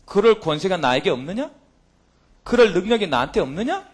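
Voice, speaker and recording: A man preaches a youth service sermon in a church. His voice sits unusually high and swings widely in pitch. He keeps firing rhetorical questions and slips into God's voice in quoted lines. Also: big pitch swings, brisk, breathy edge. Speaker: pastor. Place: church sanctuary.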